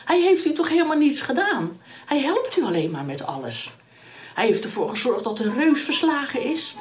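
A woman's voice: high voice, very animated, normal speed, voice pushed up. A woman voicing an earnest young prince pleading with his father in a children's Bible story.

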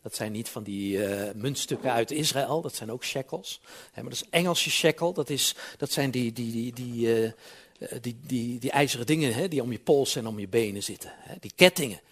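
A man's voice: medium pitch, moderate pace, fairly bright tone, husky. A man preaching a sermon in church, talking conversationally with frequent asides and building to emphatic peaks.

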